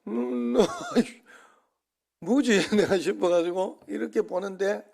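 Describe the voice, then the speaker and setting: Gravelly Korean pastor preaching. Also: male voice, high voice, slow. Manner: animated storytelling, acts out prayers and quoted speech. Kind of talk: sermon.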